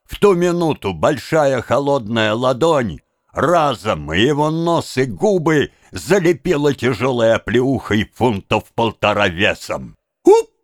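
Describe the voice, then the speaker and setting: Male audiobook narrator, lively pitch, slow pace, dry close sound. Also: no echo. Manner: expressive, unhurried reading. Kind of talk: scripted narration of a novel.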